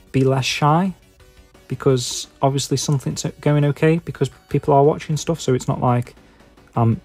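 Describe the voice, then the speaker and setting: A man from England speaks in a Stoke-on-Trent accent with a dark, relaxed tone at a middling pitch. He rambles casually to his viewers, hesitant and self-deprecating, padding his thoughts with filler phrases. Music plays behind him. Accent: Stoke-on-Trent English. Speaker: YouTube video maker and podcaster.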